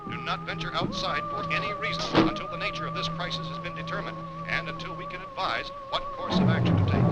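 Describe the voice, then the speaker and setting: A grave 1960s American emergency newsreader. His voice is high and animated, formal and urgent. An old film soundtrack has loud music behind him. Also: poor audio. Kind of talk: 1960s emergency news bulletin acting.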